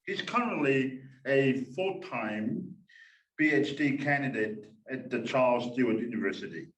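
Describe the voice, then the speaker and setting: A man from Tonga, a minister, opens a conference workshop in a slow, measured way, pausing often as he speaks. His voice sits in the middle range and rings through an echoey room, picked up from some distance. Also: mid-range voice, expressive. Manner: slow and measured, many "uh" pauses. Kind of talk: formal welcome and speaker introduction.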